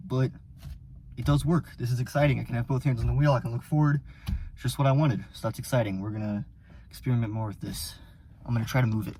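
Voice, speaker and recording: A man's voice: lowish voice, darkish tone, a little hiss or hum. A man chatting casually to his phone camera as an amateur vlogger.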